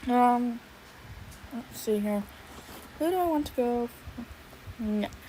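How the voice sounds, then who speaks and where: A woman's voice: fairly high pitch, animated, takes it slowly, dark tone, slight background noise, rough recording. A young adult woman streamer chatting casually while she draws, thinking aloud and swearing now and then. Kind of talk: casual livestream chat while drawing.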